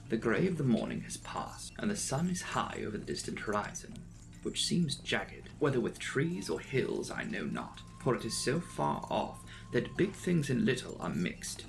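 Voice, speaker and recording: A man with a medium-pitched, gravelly voice narrates a classic novel as a dramatic audiobook, his phrasing measured, formal and theatrical. The audio quality is poor.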